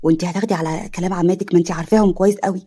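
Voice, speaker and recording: A woman voicing a gentle, reassuring middle-aged Egyptian father in a spoken drama story. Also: high-pitched, steady tone, racing, voice pushed down. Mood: tender.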